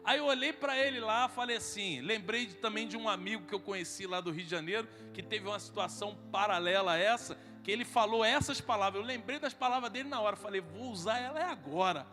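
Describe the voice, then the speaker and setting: A man's voice: high-pitched, fast, hardly any pauses, bright, forceful tone. A man with a Brazilian Portuguese accent preaching at a men's congress, telling a funny story and acting out every line of dialogue. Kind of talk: humorous sermon storytelling. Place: large hall at a men's congress. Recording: reverberant hall with faint music.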